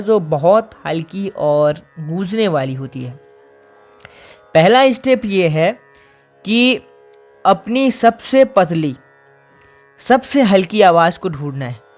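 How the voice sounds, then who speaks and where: A man teaching a singing lesson, explaining vocal exercises patiently step by step. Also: high voice.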